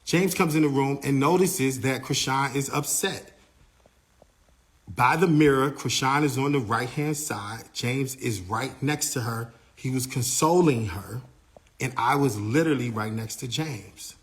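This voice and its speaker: A young adult man in casual storytelling, animated, repeating himself and acting out what others said. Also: medium pitch, measured pace. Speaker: manager telling a story.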